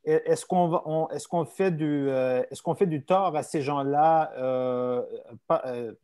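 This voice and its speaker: A man in gives an informal expert explanation. He speaks haltingly, repeating words and searching for the right phrase as he addresses patients. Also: on the high side, warm tone, smooth. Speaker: invited medical expert speaker.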